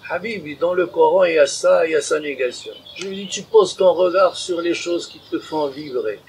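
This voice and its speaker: Lively man giving a spiritual talk. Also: a little high, normal speed, slight background noise, low-quality recording. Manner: animated, acts out inner dialogues, calls listeners habibi. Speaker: conference speaker. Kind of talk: spiritual lecture.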